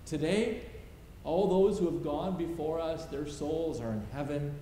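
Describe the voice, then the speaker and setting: A man's voice: fairly high pitch, measured pace, warm tone. A middle-aged male pastor preaching a sermon from a pulpit, stressing short repeated phrases. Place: large church sanctuary, at a pulpit. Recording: roomy church reverb, faint hiss.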